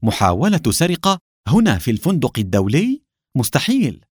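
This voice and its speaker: A man reading a calm, clever young policeman. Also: lowish voice, fast, dry recording, studio quality. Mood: feigned calm. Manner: calm and composed.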